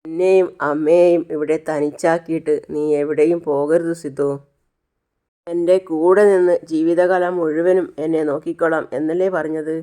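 A woman's voice: deep voice, fairly even intonation, moderate pace, mellow. A woman narrating a recap of a TV serial, acting out the characters' lines as she tells the story. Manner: retells scenes, acting out each character's lines.

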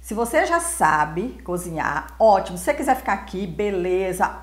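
A woman's voice: mid-range voice, very animated, moderate pace. A woman in her forties hosting a cooking show in a home kitchen, teaching step by step in a patient, repetitive way.

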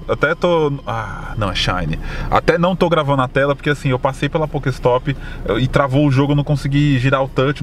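Excitable brazilian man playing a phone game. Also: mid-range voice, a little hiss or hum. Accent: Brazilian Portuguese. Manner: excitable, exaggerated mock emotion. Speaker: Pokémon GO vlogger. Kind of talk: casual gameplay commentary. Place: outdoors at night, then indoors.

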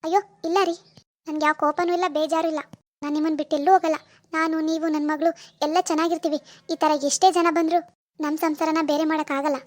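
Woman voicing a fiery cartoon wife, very high. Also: flat delivery, fast, dry recording, natural voice. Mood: reassuring. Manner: scolding, then firm and reassuring. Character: fierce, loyal young wife. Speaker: narrator who greets viewers. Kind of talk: cartoon voice acting.

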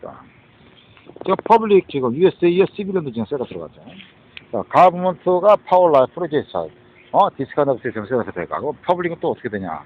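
A man's voice: fairly high pitch, very animated, a little fast, narrow, tinny audio, slight background noise. A man talking in a rambling monologue, switching between Korean and English and often breaking off with a questioning "huh?". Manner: rambling, mixes Korean and English, keeps asking "어?".

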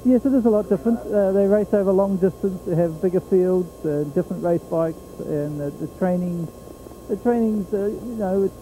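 A middle-aged man with a New Zealand accent talks with a dark, mellow voice. He is a horse trainer speaking plainly at an outdoor racetrack, with plenty of ums and you-knows between his points. A faint outdoor hum sits behind him. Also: high voice, moderate pace, low-quality recording. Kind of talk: trackside interview.

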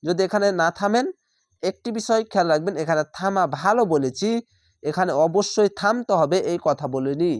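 A man with a Bangladeshi Bengali accent teaching Quran reading, spelling out letters and vowel marks one by one and then reciting slowly. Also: sits high, dry recording, clean studio sound.

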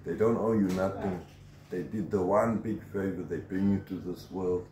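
A man's voice: deep voice, steady tone, moderate pace, warm tone, reverberant, slight background noise, poor audio. A South African man in his forties, telling his life story as an interviewee in a tough, emphatic way with strong conviction, filmed at close range on a phone camera. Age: 40s. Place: outdoor shelter against a corrugated metal wall.

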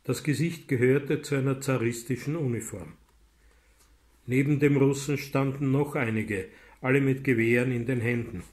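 A man from Austria, an author reading his own story aloud in a measured, dramatic way. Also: medium pitch, fairly even intonation. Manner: measured and dramatic, rising in loud passages. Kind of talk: literary reading.

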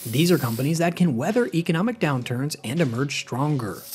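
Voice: mid-range voice, expressive, a little fast, darkish tone. A narrator reading a scripted explainer on investing, moving steadily through a numbered list.

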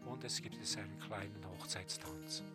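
A man with a lowish voice speaks at normal speed, offering unscripted nature documentary narration in short, simple phrases. Music plays behind him.

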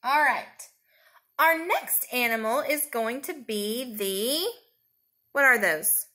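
A woman in her thirties leading a children's counting lesson, talking simply and in a sing-song way as to a toddler, with questions and pauses for answers. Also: a little high, expressive, pushed and bright. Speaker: preschool teacher.

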